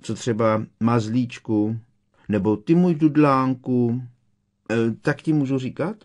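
A man voicing a sharp-tongued, defiant teenage boy who needles with sarcasm. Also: deep voice, expressive. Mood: mocking.

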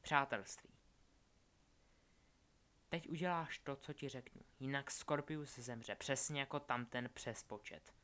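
A man's voice: mid-range voice, long pauses, sharp tone, natural voice. A man voicing a cruel, scheming young witch who taunts and threatens. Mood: menacing. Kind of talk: audiobook character voice.

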